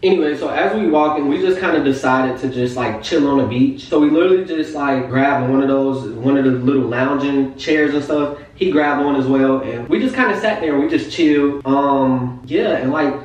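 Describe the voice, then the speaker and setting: A man's voice: mid-range voice, moderate pace, few pauses, a little mellow, distant mic, highs cut off. A man in his twenties tells a casual story as a vlogger, talking animatedly, swearing a lot and saying "like" constantly. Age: 20s. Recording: very echoey room, voice off-mic.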